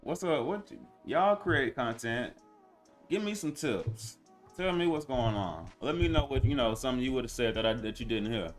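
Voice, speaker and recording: A man's voice: mid-range voice, normal speed. A young man hosting a live stream, chatting casually in slang with his viewers, with instrumental music playing behind him. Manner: laid-back slangy banter with chat, rising to excited hype.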